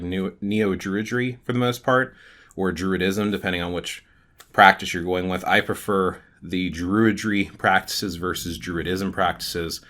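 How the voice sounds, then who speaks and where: A man with a very low but bright, forceful voice talks to the camera about his own ideas. He explains things thoughtfully, stopping often to gather his words. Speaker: channel host. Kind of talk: casual talk to camera.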